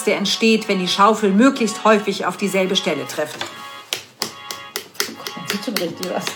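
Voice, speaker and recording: Woman reading a story over faint music. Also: mid-range voice. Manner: measured reading with slips and restarts. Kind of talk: reading an erotic story aloud.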